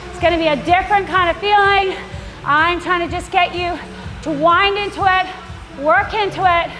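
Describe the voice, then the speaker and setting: In an echoey room with workout music playing, a woman indoor cycling coach leads a class, projecting encouraging cues and countdowns. Her voice is very high, pushed and bright, with fairly even intonation at a moderate pace.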